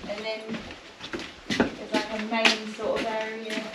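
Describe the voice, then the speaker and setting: Her voice is on the high side, monotone and slow, yet this middle-aged vlogger chats with enthusiasm and is easily impressed as she tours viewers around. She walks outside and through open bush shacks, and the moving camera picks up a lot of noise.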